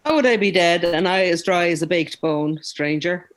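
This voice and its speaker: Man putting on a hoarse old man faking death. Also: high voice, normal speed, fairly bright tone, voice pushed up, low-quality recording. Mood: thirsty, cajoling. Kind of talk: play reading.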